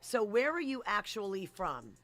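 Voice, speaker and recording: A woman hosting a live talk show, effusive and chatty, full of shout-outs. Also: mid-range voice, big pitch swings, normal speed, soft background music. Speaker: radio show host.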